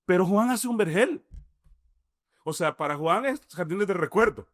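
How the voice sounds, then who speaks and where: Salvadoran man, high-ish voice, dry close sound, imam guest explaining step by step with rhetorical questions. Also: animated, moderate pace, dry recording. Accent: Salvadoran Spanish. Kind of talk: conversational explanation.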